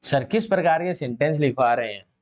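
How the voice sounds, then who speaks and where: A man's voice: fairly high pitch, lively intonation, a little fast, lo-fi sound, soft background music. A man from India teaching English grammar to a class, explaining step by step and repeating his own questions before answering them.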